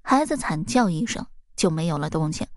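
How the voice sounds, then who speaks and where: A woman reading a folk tale aloud in an expressive storybook narration. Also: low-pitched, a little fast, dry recording, studio quality.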